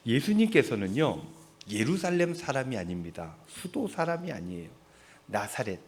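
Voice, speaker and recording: A middle-aged Korean man from Seoul, preaching a sermon in a chatty way, asking his congregation questions and answering them himself. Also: medium pitch. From Seoul, South Korea. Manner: conversational, asks the congregation questions and answers them, laughs at his own jokes. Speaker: pastor.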